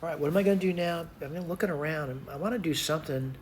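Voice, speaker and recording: A man's voice: fairly high pitch, fast. A man giving an informal math lesson, thinking aloud hesitantly as he works through each step and repeats it. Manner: hesitant, self-talking, repeats and spells out steps. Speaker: math tutor. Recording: clear background noise.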